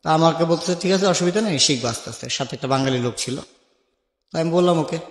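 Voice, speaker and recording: A man whose voice sits a little high speaks quickly in a Bangladeshi accent, narrating his personal history in a conversational manner. Along the way he acts out the dialogue he remembers, and the sound is echoey with a long reverb.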